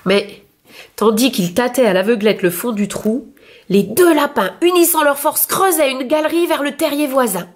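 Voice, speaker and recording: A woman reading a picture book aloud for young children with clear, expressive storytelling. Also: high voice, normal speed.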